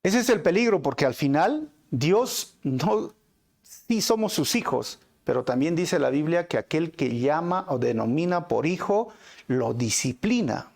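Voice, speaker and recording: A man with a Peruvian Spanish accent teaching a Bible study as a pastor, addressing his listeners as brothers and asking them rhetorical questions, with dramatic swings in pitch and loudness for emphasis. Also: sing-song, unhurried, gravelly. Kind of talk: inductive Bible study sermon.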